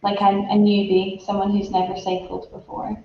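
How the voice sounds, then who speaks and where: Woman, casual interviewer, slightly high pitch, heavy room echo, dull lo-fi sound. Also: monotone, moderate pace. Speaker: interviewer, host. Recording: echoey room, dull audio, noisy background.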